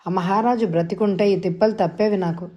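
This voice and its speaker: A woman's voice: medium pitch, steady tone, fairly quick, muffled recording, lightly acted. A woman voicing an exasperated, grumbling middle-aged mother in an audio novel.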